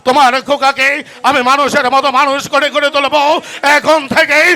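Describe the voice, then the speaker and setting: A man's voice: extremely high pitch, little pitch movement, a little fast, bright, forceful tone. A man playing a bold, big-hearted bandit chief in a Bengali village folk drama, declaiming solemnly. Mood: solemn vowing. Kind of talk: Bengali village jatra melodrama acting.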